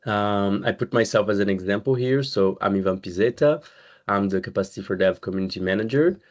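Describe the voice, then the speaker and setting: A man from Brazil, a community manager, hosting an online webinar in a relaxed, conversational way over a video call. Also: fairly low pitch. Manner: relaxed, conversational, pauses often with "uh" and "um". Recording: slightly muffled video call audio.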